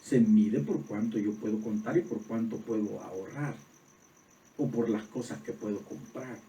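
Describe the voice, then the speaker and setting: A man preaching a sermon as pastor, swinging from soft reflective passages to loud emphatic peaks. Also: lowish voice, normal speed, a little hiss or hum. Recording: roomy echo, voice from far off.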